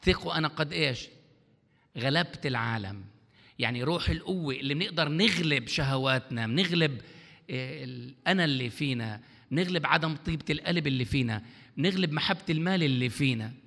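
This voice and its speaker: A man's voice: on the high side, lively intonation, fast, gravelly, fairly bright tone. A man preaching a sermon as pastor, throwing out questions for the congregation to answer. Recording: long hall reverb.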